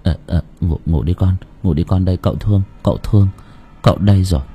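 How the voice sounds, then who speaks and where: A man voicing a young former soldier who speaks gently and soothingly. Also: sits low, animated, unhurried, husky, full character voice. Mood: soft lulling.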